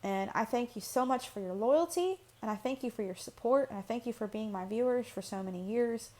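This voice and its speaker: Woman, personal vlog, casual rambling talk, slightly high-pitched voice. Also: brisk, darkish tone. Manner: rambling, casual, many fillers and restarts. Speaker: channel host.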